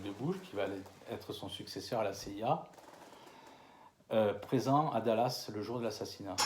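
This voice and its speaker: French male lecturer, low voice, halting delivery with fillers, slows down to spell out names. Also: a little mellow, slight background noise. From France. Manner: hesitant, many fillers and restarts, slow over names. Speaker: conference speaker. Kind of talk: lecture to an audience. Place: conference hall.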